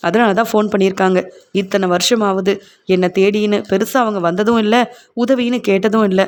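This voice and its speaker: Male narrator as warm, authoritative woman minister; plain read. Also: sits high, lightly acted. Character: kindly powerful woman minister.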